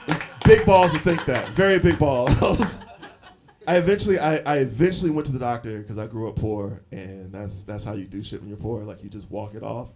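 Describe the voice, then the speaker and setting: A man in his forties telling stories in a live stand-up set, animated and laughing often between lines. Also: fairly low pitch. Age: 40s. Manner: animated storytelling, frequent laughs and fillers. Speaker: stand-up comedian. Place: comedy club stage with audience. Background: audience laughter.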